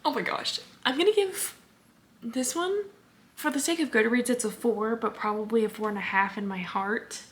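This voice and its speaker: A woman's voice: fairly high pitch, moderate pace. Chatty young woman vlogging about books. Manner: chatty and gushing, full of "like" and "literally". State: slight lisp from a retainer. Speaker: book vlogger. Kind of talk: casual reading vlog chat.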